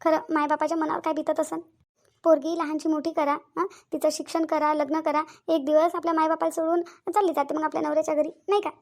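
A woman with a high voice talks fast with flat delivery, acting in an amateur family drama. Her wistful role is an earnest, tender young married woman from a village; she uses a Varhadi Marathi accent of Vidarbha and repeats phrases emotively, as if pleading.

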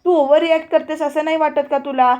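A woman's voice: high voice, steady tone, fast, mellow, highs cut off, lightly acted. A woman narrator voicing an anxious, placating young husband in a TV serial recap.

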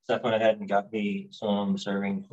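A man's voice: lowish voice, normal speed, dull audio, slight background noise. A man working as a chef, giving a casual cooking demonstration and explaining as he goes. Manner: relaxed, explains as he works, chatty asides.

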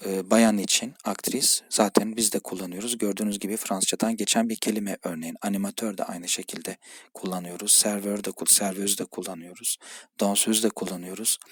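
A man from Turkey gives a patient spoken lesson with a low, slightly husky voice. He repeats the example sentences louder and walks through each point slowly and casually. The sound is dry and close. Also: steady tone, no echo. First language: Turkish. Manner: reads French examples louder and higher, explains slowly in a patient, repetitive way. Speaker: French teacher.

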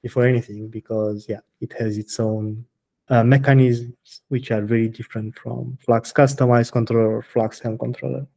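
A man speaks as a guest in a technical interview. He halts and restarts often while he searches for words. His pitch is in the middle for a man. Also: little pitch movement, normal speed, gravelly, dark tone. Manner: hesitant, many restarts and fillers, blunt answers. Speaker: guest software maintainer.

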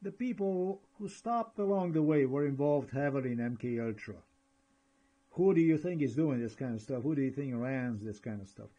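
A man with a husky, breathy voice talks through a screen recording. He rambles excitedly and narrates each step as he clicks through files. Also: medium pitch, normal speed, dull audio. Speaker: vlogger.

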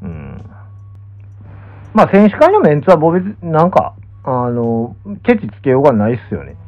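Lying in a small indoor room, a young streamer and pro gamer with a Kansai accent talks casually on his livestream, hesitant and trailing off as he muses. His medium-pitched, darkish voice swoops wildly in pitch at a normal speed. The sound is muffled and thin, like a phone.

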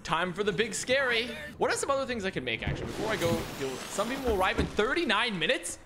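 A young man streaming a game, excitable and constantly swearing and exclaiming. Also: high-pitched, fast talker, noisy background. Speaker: gaming streamer. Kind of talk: casual game commentary.

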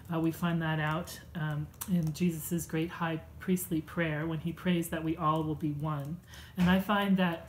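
A woman in her thirties at home, reading a church class lesson from her notes in a measured, earnest way with a few fillers. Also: fairly low pitch, darkish tone, slight background noise, rough recording. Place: home room with bookshelves.

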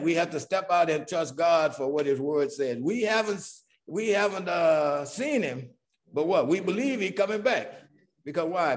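A man with a slightly raised pitch teaches a church Bible class. He keeps tossing out "what?" and then answering his own question. Nearly every point ends on an "amen," with a small chuckle now and then. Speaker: Sunday school teacher.

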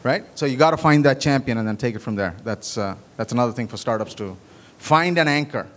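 A man's voice: mid-range voice, lively intonation, fairly quick, fairly bright tone. A middle-aged man moderating a conference panel through a handheld mic, who makes his points emphatically and draws out some phrases. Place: large conference hall stage. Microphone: handheld microphone.

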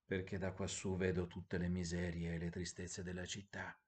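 A man voicing a gentle, grieving prince statue in a storybook, speaking soft and low. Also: monotone, normal speed, lightly acted. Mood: sorrowful.

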